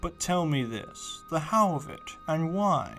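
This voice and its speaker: A man's voice: on the high side, lively intonation, unhurried, gravelly, a bit bright, voice pushed up, heavily acted. A man playing an awed, pitying poet pilgrim in a dramatic verse reading, with theatrical, pleading delivery. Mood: sorrowful pity. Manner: theatrical, impassioned stage-actor pleading. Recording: reverberant hall sound under music.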